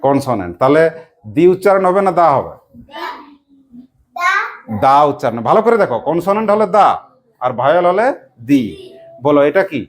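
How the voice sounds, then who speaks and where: A teacher giving a classroom lesson, quizzing pupils with repeated questions and briskly praising correct answers. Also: medium pitch, sing-song.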